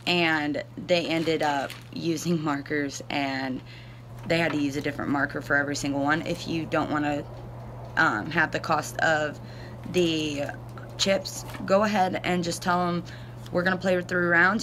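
Low voiced 30s woman walking thru instructions casually on her phone outside, bit of background noise. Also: a bit bright. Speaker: direct sales consultant giving a tutorial. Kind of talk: casual explanatory talk to camera. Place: covered porch outdoors. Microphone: phone at arm's length or propped close. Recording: faint outdoor background noise.

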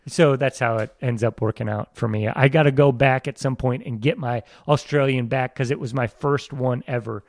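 A man from Iowa, an actor, talking as a podcast guest in a reflective, self-deprecating way with halting restarts. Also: medium pitch, steady tone, no echo, studio quality. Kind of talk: casual interview talk.

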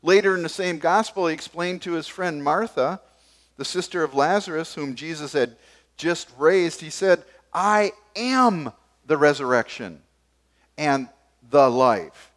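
An older man preaching a sermon from a church pulpit, gesturing as he moves between forceful emphasis and sudden quiet asides. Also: on the high side, animated, measured pace. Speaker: pastor. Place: church stage behind a wooden pulpit.

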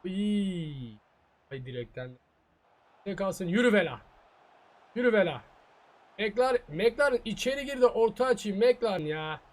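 A man's voice: high voice, expressive, measured pace, pauses often. A gaming YouTuber reacting to his own soccer video game match, muttering in frustration and taunting his opponent. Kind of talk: live gameplay commentary.

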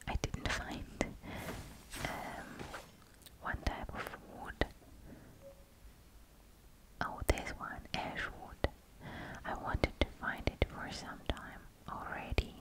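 A woman whispers softly and very close to the mic as she narrates her own gameplay in ASMR style. She takes her time, with long, unhurried phrasing. The voice is breathy and gentle, as if murmuring to herself. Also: low-quality recording. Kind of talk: whispered ASMR game commentary. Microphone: close-up microphone.

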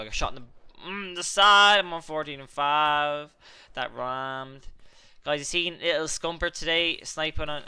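A young man hosting a gaming channel, rambling and excitable as he commentates live gameplay and swears at opponents. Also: fairly high pitch, a little hiss or hum.

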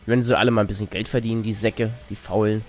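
A man's voice: on the low side, little pitch movement, quick pace, darkish tone, faint music behind. A man giving casual, wry commentary while playing a life-simulation game, muttering to the characters on screen. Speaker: let's play host.

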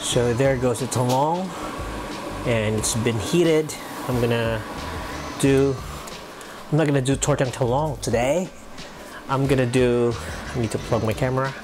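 A young Filipino vlogger with a Filipino accent chats casually to the camera while cooking in his home kitchen, tossing in joking asides. His voice is medium-pitched and unhurried, with background noise present.

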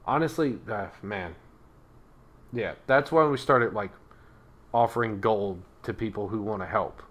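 A man's voice: lowish voice, unhurried, a bit bright. A man voicing a blunt, harried male town guard in a tabletop game, talking in a rambling, exasperated way.

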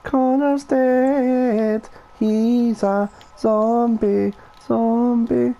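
A man gaming with friends, bantering casually in an excitable, sweary, mocking way. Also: extremely high pitch, very slow, low-quality recording. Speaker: gamer playing a team shooter with friends. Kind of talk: casual banter during gameplay.

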